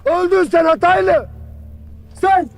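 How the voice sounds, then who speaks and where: An actor playing a harsh commando captain who berates and shouts at his soldiers in a war film. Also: very high-pitched, slow pace, gravelly, full character voice. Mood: stern. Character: stern male commando captain, harsh, relentless. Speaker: army captain.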